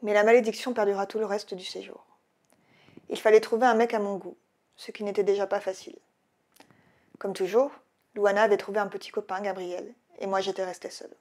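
A woman author reading her own novel aloud in a lively storytelling way. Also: medium pitch, brisk. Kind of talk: audiobook reading.

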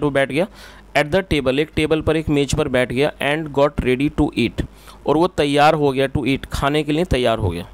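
Man teaching English in Hindi. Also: on the high side. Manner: reads English phrases slowly, then explains quickly in Hindi. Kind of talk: bilingual English lesson, reading a story line by line and translating.

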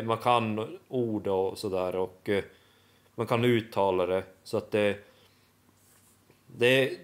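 A young man vlogging casually, halting and restarting often as he tries out new words. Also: lowish voice. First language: Swedish and Finnish. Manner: halting, full of restarts and fillers, sounding out foreign words. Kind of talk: casual vlog.

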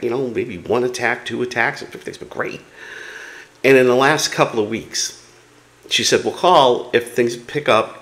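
A middle-aged man speaks in a fairly low voice, chatting casually to his camera at home. He explains things conversationally, as in a personal vlog. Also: fairly bright tone. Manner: conversational, recounting and quoting dialogue. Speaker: vlogger on living with an illness. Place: small home room, indoors.

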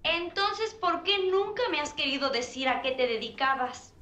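An actress playing a jealous, suspicious, nagging wife in a comedy film. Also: female voice, sits high, lively intonation, moderate pace, pushed and bright. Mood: suspicious, indignant. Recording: echoey, faintly noisy film soundtrack.

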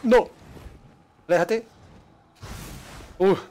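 Streamer man, high voice, excitable live play commentary. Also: extremely slow. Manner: excitable, yelps and laughs at danger, chats with viewers. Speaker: gaming streamer.

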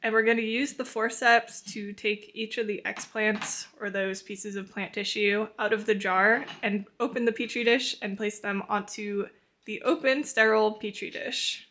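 A woman's voice: mid-range voice, steady tone, normal speed, a bit bright. A young woman hosting a how-to video, giving friendly, patient step-by-step instructions with small laughs. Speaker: channel host teaching plant tissue culture. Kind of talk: casual instructional voice-over and live coaching.

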